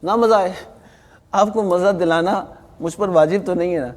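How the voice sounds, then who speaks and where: A male recitation teacher lectures his students in a firm, emphatic way, stopping to quiz them. His voice sits a little high for a man. The sound rings with a long hall reverb. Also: a little mellow. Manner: firm, emphatic, quizzes the class. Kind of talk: classroom lesson to students. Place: classroom with students.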